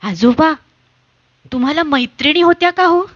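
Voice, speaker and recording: A woman's voice: high voice, expressive, normal speed, highs cut off. A woman reading the part of an inquisitive young granddaughter. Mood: curious. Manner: inquisitive, pleading.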